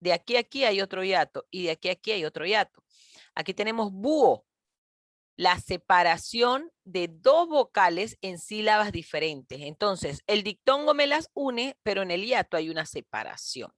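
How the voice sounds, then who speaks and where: A woman's voice: mid-range voice, lively intonation, normal speed, no echo, studio quality. A woman teacher giving an online grammar lesson to pupils, patient and encouraging, often checking with her class. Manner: patient, calls pupils "mis niños" and "chicos", often checks with "¿ok?". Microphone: computer mic on a video call.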